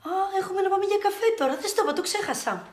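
A woman's voice: very high-pitched, animated, darkish tone. An actress playing a chatty young woman who coaxes, soothes and placates the people around her in a TV series. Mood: placating. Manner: brisk, coaxing, soothing. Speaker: lead character, niece. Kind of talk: TV series acting. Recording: echoey room.

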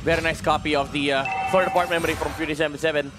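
A Filipino-accented man shoutcasts an esports match in a booming, excitable announcer style. His voice sits high for a man. Music plays clearly behind him. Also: fast. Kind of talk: live play-by-play esports commentary. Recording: loud music behind broadcast commentary.

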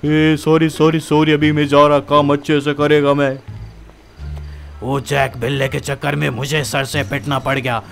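Slurry tipsy goon, guy playing him, gravelly voice. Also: fairly high pitch, little pitch movement, normal speed, faint music behind. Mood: pleading. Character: drunk male gangster thug, sulky and vengeful.

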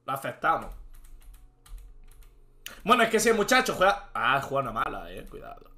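A man, a chess streamer thinking aloud and commenting live as he plays, excitable and prone to shouting outbursts. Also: fairly high pitch, moderate pace. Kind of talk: live commentary while playing online chess.

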